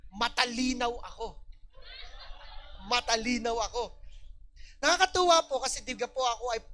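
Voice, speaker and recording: A man with a Batangas Tagalog accent preaching a lively sermon as pastor, acting out quoted voices and breaking into shouts. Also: very high voice. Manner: animated, acts out quoted voices, bursts into shouts. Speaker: pastor and university professor.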